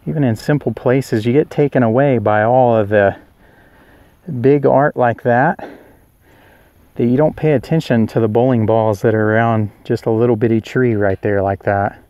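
A man's voice: medium pitch, steady tone, moderate pace, dark tone, clean tone, no room sound, highs cut off. A man with an Oklahoma accent casually narrating a walking tour of a rural yard, recorded outdoors on a handheld camera. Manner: easygoing, chatty, narrates as he walks. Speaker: vlogger touring a roadside attraction.

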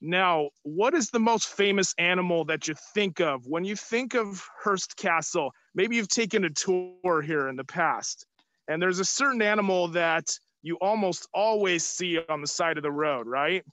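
Male tour guide, high bright voice, projecting through a face mask for a kids' live tour. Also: normal speed, no room sound. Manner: projecting, upbeat, asking the audience questions. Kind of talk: live virtual tour for children. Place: outdoors on an open hilltop terrace. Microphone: phone or camera at arm's length, video call.

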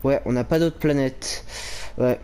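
A man's voice: mid-range voice, steady tone, unhurried, warm tone, smooth. A young man giving casual let's-play commentary, rambling with lots of fillers and little laughs. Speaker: gaming YouTuber.

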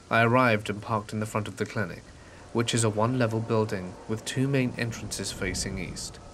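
A man narrating a true scary story in a calm, measured way, dropping quieter at tense moments. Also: lowish voice, slight background noise. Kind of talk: scripted narration.

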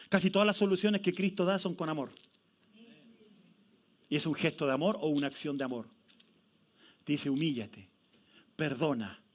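A man preaching a lively sermon as pastor, leading the congregation to read scripture aloud with him. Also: fairly high pitch. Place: church.

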